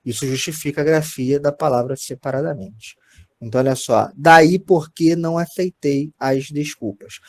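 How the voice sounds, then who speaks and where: A man's voice: a little high, normal speed. A Brazilian man teaching a Portuguese grammar lesson, explaining patiently and often checking in with his students.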